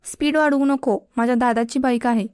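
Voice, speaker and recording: A woman's voice: high voice, steady tone, fairly quick, a little mellow, clean tone, dry recording, clean studio sound, close to an everyday voice. A woman playing a bossy, stubborn college girl. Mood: insistent. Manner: insistent, scolding.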